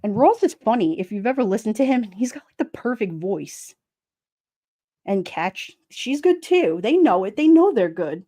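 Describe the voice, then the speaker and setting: A middle-aged woman with a New York accent, casually chatting on a livestream, sassy and quick to laugh. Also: mid-range voice, very animated, dark tone. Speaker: livestream host reading chat. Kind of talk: casual chat.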